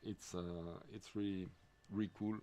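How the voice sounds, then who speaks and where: A middle-aged Swiss man with a French accent giving live commentary on a race, halting and full of fillers. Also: fairly low pitch, little pitch movement, mellow. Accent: French-speaking Swiss. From Switzerland. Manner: halting, many fillers and restarts.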